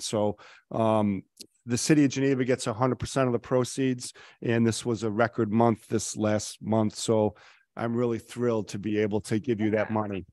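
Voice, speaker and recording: A man's voice: fairly low pitch, a little mellow, no echo. Middle-aged man, councilor, rambling report with many ums, dry close mic. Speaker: city councilor. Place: city council chamber. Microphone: table microphone.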